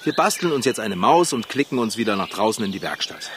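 Man acting excitable soft-hearted bike mechanic, children's radio play, emotional, lively voice, loud birds and insects. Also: on the low side, background noise. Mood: pleading. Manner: excitable, emotional, quick to cry out.

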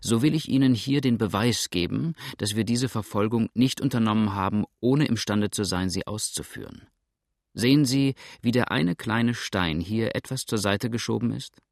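A man voicing a sharp-eyed male hunter in an audiobook, speaking in a pointed, commanding way. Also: fairly low pitch, normal speed, gravelly, no room sound, clean studio sound. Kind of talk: audiobook character reading.

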